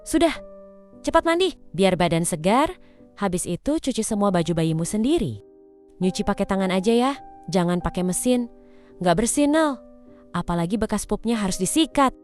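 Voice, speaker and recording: A woman voicing a bossy, traditional older mother-in-law in an animated drama, scolding and domineering. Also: medium pitch, normal speed, pauses often, faint music behind, close to an everyday voice.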